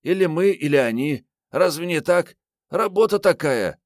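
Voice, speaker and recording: A man's voice: a little high, animated, moderate pace, dry recording, clean studio sound, pitched above the performer's own voice, natural voice. A male audiobook reader voicing a bold, teasing young woman fighter. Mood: brash teasing.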